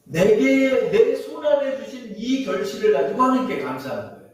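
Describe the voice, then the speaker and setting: A man's voice: very high voice, big pitch swings, moderate pace. A male pastor preaching a sermon in a church, emphatic and full of rhetorical questions to the congregation. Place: church sanctuary. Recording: very echoey church hall, far from mic.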